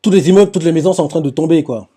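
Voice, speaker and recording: A man's voice: fairly high pitch, racing, warm tone, breathy edge. A man recapping anime scenes live, retelling the action with lots of fillers and restarts. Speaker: anime reaction host.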